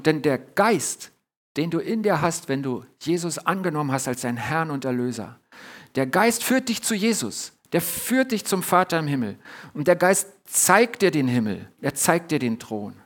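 A man preaching a sermon, addressing his listeners warmly and retelling Bible scenes with dramatic pauses. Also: a little high. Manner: earnest, addresses listeners directly as "ihr Lieben"; retells Bible scenes with quoted lines and dramatic drops in volume.

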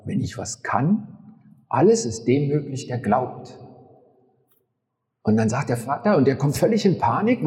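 A man preaching a sermon, telling a story and acting out the figures' lines in a lively voice. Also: fairly high pitch, husky, long reverb tail.

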